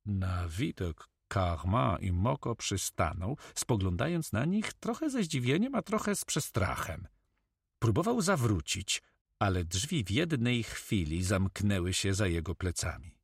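A man narrating an adventure audiobook in a measured, expressive way on a close mic. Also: fairly low pitch, gravelly, slightly rough, no echo.

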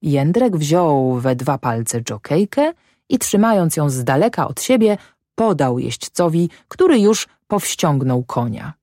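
A woman narrating a classic novel as an audiobook, with expressive storytelling. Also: deep voice, unhurried, no echo, clean studio sound.

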